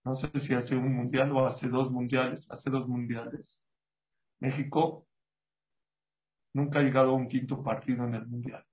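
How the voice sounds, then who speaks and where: A man preaching a sermon, his voice sitting at an ordinary middle pitch. He teaches in an animated way, slipping into the voices of the people he quotes. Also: poor audio. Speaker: rabbi.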